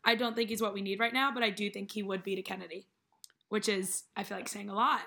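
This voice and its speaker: A woman's voice: medium pitch, steady tone, quick pace, creaky, bright, forceful tone. A young American woman co-hosting a casual podcast from a living room, chatting informally and freely giving her opinions. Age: young adult. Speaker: podcast co-host.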